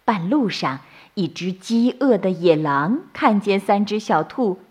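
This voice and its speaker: Slow sing-song woman storyteller. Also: mid-range voice, lively intonation, husky. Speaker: children's storyteller. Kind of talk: bedtime story narration.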